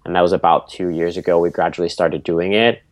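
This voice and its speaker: A man's voice: deep voice, fairly even intonation, a little fast, dry recording. A man from Finland with a Finnish accent, a podcast guest telling his story in loose, rambling answers full of fillers. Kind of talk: casual interview.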